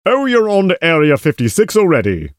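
A man's voice: fairly high pitch, huge pitch swings, a little fast, smooth, dry recording. A man playing a dry, secretive schemer in a comic audio drama, formal, terse and disapproving. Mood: wry, ominous.

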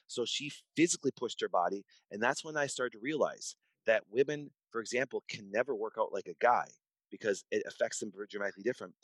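A man in his forties tells stories from his medical practice in an interview. His voice sits fairly low and sounds dry and close, with no room around it. He talks emphatically, repeating words and restarting sentences as he goes. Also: fast, no room sound, low-quality recording. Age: 40s. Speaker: podcast guest, doctor. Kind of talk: conversational interview storytelling.

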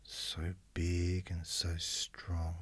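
A man leading guided hypnosis in a mesmerizing, hushed, breathy voice that often sinks toward a whisper, with long pauses. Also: monotone. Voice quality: very deep, breathy, husky, often near whisper. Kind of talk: slow guided hypnosis narration.

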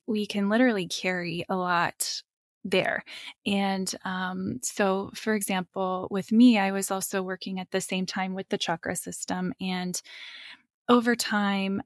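A woman guest talking through ideas in a thoughtful, unhurried way, with frequent fillers. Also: medium pitch, dry recording, clean studio sound. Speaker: guest, spine and energy teacher. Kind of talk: reflective interview talk.

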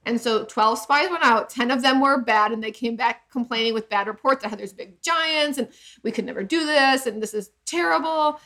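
A woman's voice: on the high side, moderate pace, bright, forceful tone. A woman co-hosting a podcast, casually retelling a story and acting out the voices of its people. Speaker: podcast co-host. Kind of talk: casual chat.

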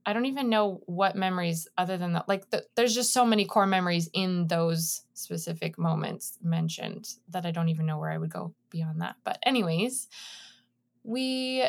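Podcast co-host, female, 30s. Mid-range pitch, casual and talkative, loose rambling delivery. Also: a little slow. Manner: chatty, rambling, informal. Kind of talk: casual chat, introducing a guest.

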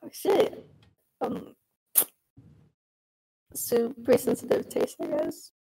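A woman's voice: huge pitch swings, slow pace, creaky, dark tone, slight background noise. Young woman with a glitchy, robotic mic. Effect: glitchy robotic mic distortion with pitch jumps. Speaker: voice chat participant. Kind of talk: casual group chat. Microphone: faulty headset or computer mic on a voice call.

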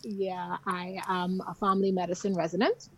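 A woman's voice: lowish voice, flat delivery, moderate pace, low-quality recording. A Bahamian woman in her thirties, a family medicine resident, speaking politely as a podcast guest. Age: 30s. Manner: polite and proper, laughs easily. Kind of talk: casual interview.

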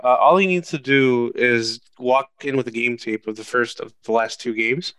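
Bright-voiced man hosting sports chat. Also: mid-range voice, normal speed, clear, resonant tone. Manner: rambling, self-interrupting. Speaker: podcast host.

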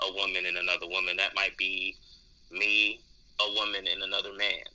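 A man with a low-pitched, monotone, sharp-toned voice speaks briskly in a low-quality recording. As a podcast co-host discussing dating, he talks candidly, thoughtfully and hesitantly, often repeating words while he explains.

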